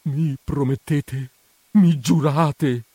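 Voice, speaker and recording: A man's voice: fairly even intonation, dark tone, slightly rough, no echo, exaggerated voice. A man doing a quavering, frightened village priest. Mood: fearful. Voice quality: quavering, pleading, high and slow. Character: timid frightened middle-aged male village priest.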